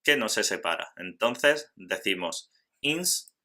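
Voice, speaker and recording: A man teaching a grammar lesson in scripted narration, slowly and carefully spelling out syllables. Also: lowish voice, lively intonation, bright, forceful tone.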